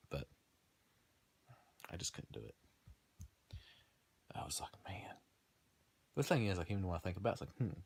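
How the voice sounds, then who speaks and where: Husky deep-voiced man rambling casually. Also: a little mellow. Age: 30s. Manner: chatty, trails off and restarts, laughs at himself. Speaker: gaming video host.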